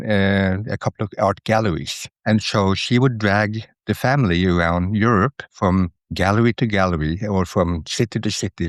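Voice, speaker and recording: A middle-aged man from Norway, an interview guest who speaks in a thoughtful, measured way with a few fillers. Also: on the low side, dry recording, studio quality. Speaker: interview guest, Italian student. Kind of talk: conversational interview.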